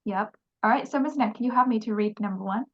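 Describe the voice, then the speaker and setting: A woman's voice: on the high side, fairly quick, highs cut off. A woman teaching an English lesson, patiently explaining and repeating example phrases.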